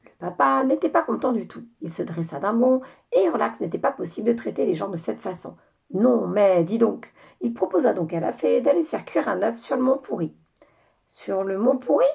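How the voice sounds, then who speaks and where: A woman teacher reading children's stories aloud with lively, expressive storytelling. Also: fairly high pitch, quick pace, gravelly, slightly rough.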